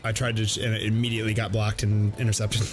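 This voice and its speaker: A man casually chatting through a gameplay session. He rambles, restarts his thoughts and sprinkles "like" everywhere. Game music plays clearly behind him. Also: lowish voice, little pitch movement, fast talker. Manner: rambling, heavy use of "like" fillers. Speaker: let's play host.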